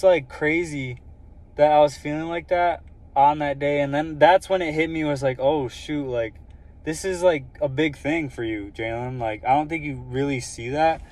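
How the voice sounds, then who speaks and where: A young man recounts a personal experience in a casual, earnest way, and his thoughts wander as he talks. He fills his speech with "like" and "um," and his voice sits in an ordinary middle pitch. He records himself on a phone, as if sitting in a car. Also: a little mellow. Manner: earnest, rambling, many fillers like "like" and "um". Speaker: vlogger sharing a personal story.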